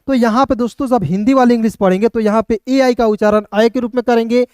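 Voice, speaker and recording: A man teaching an online phonics lesson, breaking words into letters and then sounding them out slowly. His voice is smooth and clear, recorded close and dry with no room sound. He keeps turning to his viewers and checking that they follow. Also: very high-pitched, fairly even intonation, a little mellow, dry recording. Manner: keeps addressing viewers as friends and checking with "okay". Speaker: English teacher.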